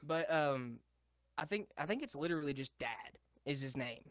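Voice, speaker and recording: A man's voice: a little high, expressive, normal speed, no room sound, studio quality. A young man co-hosting a casual podcast, rambling and swearing, laughing often as he tells stories. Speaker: podcast co-host. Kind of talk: casual chat.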